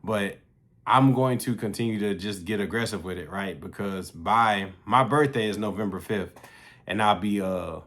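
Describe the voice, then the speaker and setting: A man in his late thirties with a fairly low voice talks straight to camera about his fitness journey. His delivery is loose, slangy and profane, like chatting with friends. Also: moderate pace, fairly bright tone. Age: 30s. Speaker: fitness vlogger. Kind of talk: casual talking-to-camera vlog.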